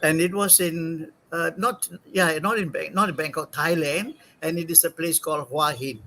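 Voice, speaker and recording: An older man from Singapore, a guest in an interview, telling his career story in a halting way with many fillers and self-corrections. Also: on the high side, fairly even intonation, bright, forceful tone, slight background noise, poor audio.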